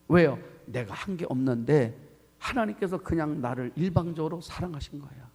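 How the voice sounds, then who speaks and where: Korean pastor preaching in an echoing hall. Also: male voice, a little high, breathy edge. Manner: storytelling, acts out dialogue, asks the congregation questions. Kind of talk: sermon. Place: church sanctuary. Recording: long church hall reverb.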